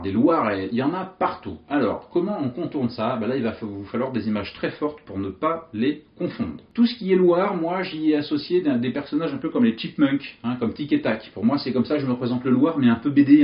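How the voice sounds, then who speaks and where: A man teaching memory techniques in an animated, jokey way, telling vivid picture stories. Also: medium pitch, roomy sound, muffled recording. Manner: lively, animated, jokey storytelling with vivid images. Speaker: memory coach. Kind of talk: explanatory teaching monologue.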